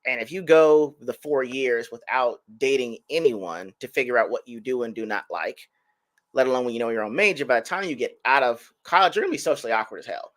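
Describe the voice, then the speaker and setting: A man in his thirties chatting on a podcast, his voice sitting at an everyday middle pitch. He rambles through self-mocking stories with loose restarts and asides. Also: fairly quick, a bit bright. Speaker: podcast co-host. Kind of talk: casual chat.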